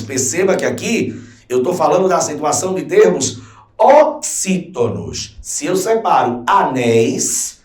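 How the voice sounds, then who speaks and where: A man's voice: fairly high pitch, a little mellow, recorded from a distance. A man teaching a grammar lesson for an exam in a chatty, slangy way, often checking in with the viewers. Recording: roomy echo, voice from off the mic.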